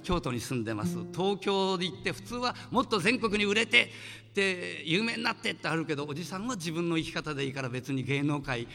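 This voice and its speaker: Animated man in his sixties, echoing hall. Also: a little high, a little fast, vocal fry, faint music behind. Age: 60s. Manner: animated, acts out voices in his story. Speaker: singer. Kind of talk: storytelling to children with songs.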